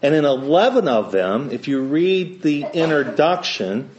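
Preacher with an Appalachian twang and a cold. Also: male voice, a little high, very animated, measured pace, a little mellow. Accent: Appalachian, Eastern Ohio. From Eastern Ohio, United States. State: has a cold. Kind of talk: sermon with scripture reading and prayer. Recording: dull, band-limited sound.

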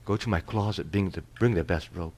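A man's voice: deep voice, fairly quick, a little mellow. A man, preaching a sermon, acting out a forgiving father who gives urgent orders to welcome his son home. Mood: commanding.

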